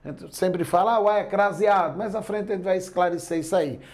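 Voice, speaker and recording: A man's voice: sits high, a little fast. A male Portuguese grammar teacher giving a classroom lecture in a Brazilian accent, explaining step by step and often checking that his listeners follow.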